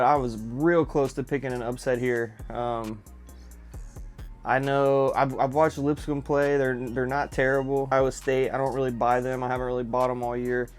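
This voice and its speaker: A young man, casually running through his picks in a relaxed, repetitive vlog chat. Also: mid-range voice. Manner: laid-back, drawling, repeats himself, filler words. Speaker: fragrance vlogger.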